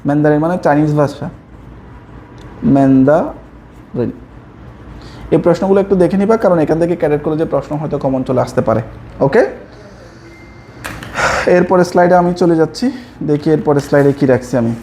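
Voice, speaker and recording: A man's voice: a little high, moderate pace, long pauses, mellow, a little hiss or hum. A young man from Chittagong with a Chittagonian Bengali accent, teaching a coaching lesson from slides and repeating key answers to his students. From Chittagong, Bangladesh. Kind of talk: slide-based exam prep lesson.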